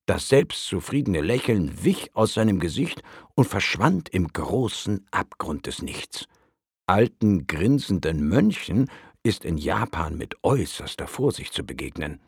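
Brief: male narrator, calm storybook reading, very slow, dry close sound. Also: low voice, creaky, slightly rough, no echo.

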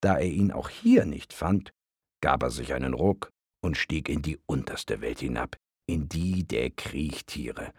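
A man narrating a storybook-style audiobook in a measured, expressive way. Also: extremely low pitch, breathy edge, no room sound, studio quality.

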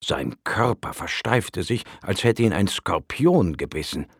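A man calmly reading a story aloud, in a measured storytelling manner. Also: low-pitched, slightly rough, no room sound, studio quality. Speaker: narrator.

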